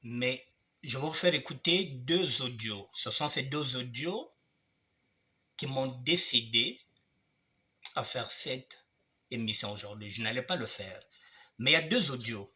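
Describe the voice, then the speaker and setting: An older man with a cold runs his online show as a monologue, formally addressing viewers and repeating himself. His mid-range voice is animated and sharp in tone, measured in pace, with frequent pauses.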